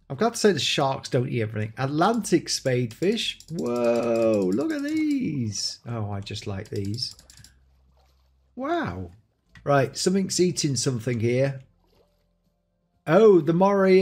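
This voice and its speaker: A man's voice: medium pitch, sing-song, a little slow, a little mellow, slightly rough, soft background music. A man hosting an enthusiastic gameplay showcase, exclaiming often as he shows off new creatures. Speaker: game showcase host. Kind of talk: excited gameplay commentary.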